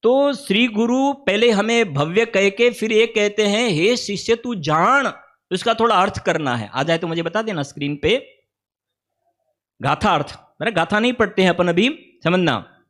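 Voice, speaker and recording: A man's voice: high voice, expressive, normal speed, fairly bright tone. A man with a Gujarati accent giving a spiritual discourse, conversational, often asking his listeners questions. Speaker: Jain preacher. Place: teaching camp hall.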